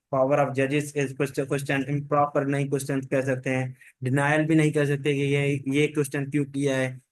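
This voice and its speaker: A law lecturer gives an informal revision lecture, sprinkling English technical terms into his speech and explaining in a repetitive, loosely connected way. His voice is mid-range and the recording is dry.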